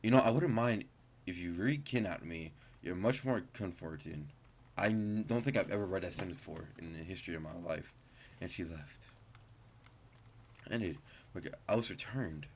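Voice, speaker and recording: Speaking at normal speed in a low voice, a man plays gaming YouTuber, reading game text aloud with stumbles, self-corrections, and offhand reactions. A slight hiss or hum runs under the recording.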